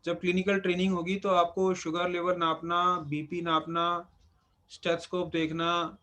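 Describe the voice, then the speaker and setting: A man's voice: high voice, flat delivery, normal speed, pushed and bright. A man teaching an acupuncture class, instructive and repeating phrases for emphasis. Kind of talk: live class lecture.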